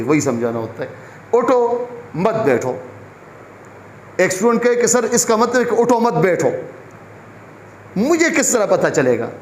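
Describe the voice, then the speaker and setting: A man's voice: high-pitched, slight background noise. A male biology lecturer gives a classroom lecture, asking questions and answering them himself. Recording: echoey room with faint background ambience.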